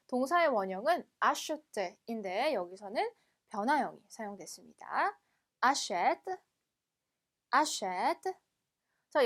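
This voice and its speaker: A Korean-speaking woman teaching French in a video lesson, explaining patiently and slowing down to model each French word. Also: fairly high pitch. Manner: asks learners "그죠?" after each point. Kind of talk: video lecture.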